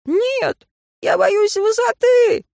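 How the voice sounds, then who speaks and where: A woman doing scared teenage boy, high squeaky voice, shaky and pleading, audiobook, dry close sound. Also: measured pace, darkish tone, no echo. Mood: panicked. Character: frightened teenage male student, whiny. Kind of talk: audiobook character voice.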